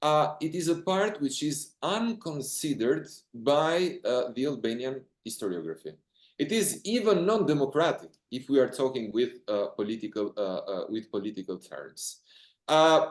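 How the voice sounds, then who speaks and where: A man answering as a guest speaker at an academic seminar, halting often with fillers and restarts. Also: medium pitch, a little mellow, reverberant.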